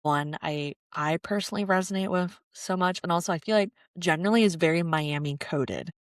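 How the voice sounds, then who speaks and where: A woman's voice: on the low side, fairly quick, no echo, clean studio sound. A young adult woman hosting a podcast interview, enthusiastic and chatty, with frequent filler words. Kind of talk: casual interview talk.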